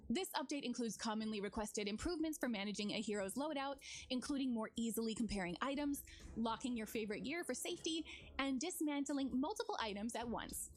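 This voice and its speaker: A woman presenting new features as a game developer delivers scripted promotional narration. Her voice is a little high with lively intonation and a fairly quick pace, and music plays underneath it.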